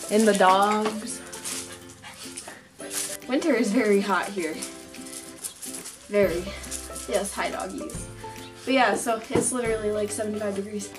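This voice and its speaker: A woman's voice: mid-range voice, fairly even intonation, unhurried, long pauses, music in the background, low-quality recording. A young woman chatting in a goofy, sarcastic vlog outdoors in a sunny backyard. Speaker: guest vlogger. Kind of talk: casual vlog chat.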